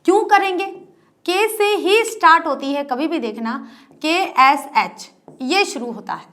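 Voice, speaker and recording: A woman with a high voice gives a lesson to her pupils. She explains patiently, spells out sounds one at a time and keeps asking questions before she answers them herself. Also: a bit bright. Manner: explains slowly, repeating letters and asking questions. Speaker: teacher. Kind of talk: online class lesson.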